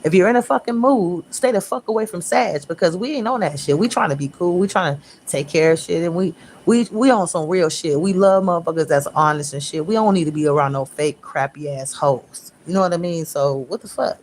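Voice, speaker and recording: A woman's voice: fairly low pitch, fairly quick, slight background noise. A woman giving a casual tarot reading, talking bluntly with lots of profanity and slang. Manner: profane, blunt, animated slang-heavy talk; mimics listeners in raised voice. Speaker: tarot reader.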